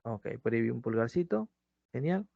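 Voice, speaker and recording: A man's voice: medium pitch, very animated, moderate pace, gravelly, no room sound. A man giving an online pre-university language class, often repeating his key phrases and checking in with "¿sí?". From Peru. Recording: dull, dry lo-fi mic sound.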